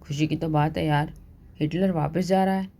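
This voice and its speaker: A woman's voice: low-pitched, fairly even intonation, normal speed, warm tone, pitched below the performer's own voice. Woman voicing young college guy, casual, joking, storybook. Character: cheerful young male college student, joking.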